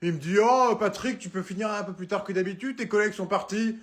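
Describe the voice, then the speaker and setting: A man's voice: sits high, quick pace, fairly bright tone, pitched above the performer's own voice. A man voicing an indignant husband ranting about his boss in a comedy sketch, swearing freely.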